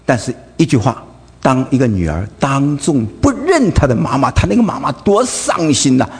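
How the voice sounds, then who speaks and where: A man's voice: mid-range voice, very animated, moderate pace, a little mellow, breathy edge. A man with a Wu-delivering a sermon, firing off rhetorical questions tagged with "right?" and stammering over repeated fillers. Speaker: preacher. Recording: long hall reverb.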